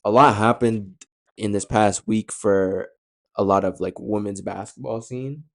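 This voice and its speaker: A man's voice: fairly low pitch, steady tone, a little slow, gravelly. A young man co-hosting a podcast in a laid-back, agreeable casual chat. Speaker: podcast co-host.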